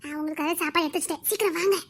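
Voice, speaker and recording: A woman voicing a sweet young village girl, talking softly and pleadingly in a family drama. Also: very high voice, fairly even intonation, rapid-fire. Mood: gentle. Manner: soft, pleading and meek. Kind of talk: home-made family drama acting.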